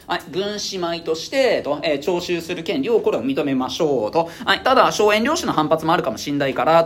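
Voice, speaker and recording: A man teaching a high school history class in a casual, joking lecture style. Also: slight background noise. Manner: casual, joking, lively delivery.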